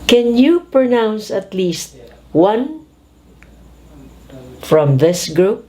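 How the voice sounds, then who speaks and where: Very slow, careful woman teacher. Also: medium pitch, sing-song, dark tone. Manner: careful, over-articulated word drills. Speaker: pronunciation teacher.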